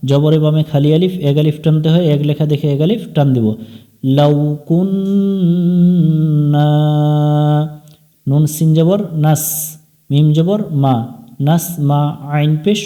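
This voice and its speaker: A man with a Bangladeshi Bengali accent teaches Quran recitation, spelling out letters and vowel marks before chanting each verse slowly. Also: a little high, warm tone. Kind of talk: slow step-by-step recitation lesson.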